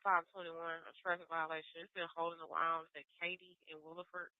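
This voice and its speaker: A man's voice: on the high side, level tone, brisk, no echo. A male police dispatcher reading out calls over police radio in a clipped, routine manner. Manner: clipped, routine call-out delivery. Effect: police radio transmission. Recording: tinny narrow-band radio audio.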